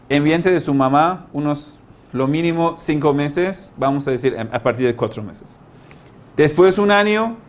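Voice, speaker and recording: A man with a fairly high voice lectures on learning, speaking non-native Spanish with frequent grammar slips. He explains patiently, posing rhetorical questions and homespun examples and dropping humorous asides along the way. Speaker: religious teacher giving a language-learning lecture.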